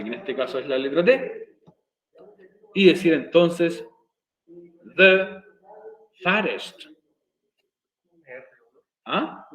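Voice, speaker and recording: Man teaching slowly in an echoey room. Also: on the high side. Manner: slow, repeating explanations step by step. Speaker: English teacher. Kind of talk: recorded video lesson.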